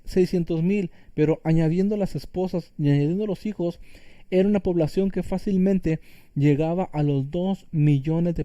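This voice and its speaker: A man's voice: on the high side, mellow, no echo, clean studio sound. A man giving a sermon-style Torah teaching, earnest and explanatory, often repeating phrases for emphasis.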